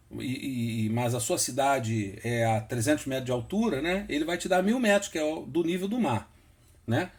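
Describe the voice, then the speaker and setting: A man's voice: medium pitch, darkish tone. A man giving a casual screen-share tutorial, patient and repetitive, often checking in with the listener. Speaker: instructor explaining flight instruments.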